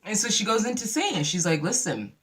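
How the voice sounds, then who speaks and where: A host giving a casual recap of a reality TV episode, telling it as an animated story and acting out the quotes. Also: mid-range voice, brisk. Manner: animated storyteller who acts out quotes in voices; laughs easily while retelling.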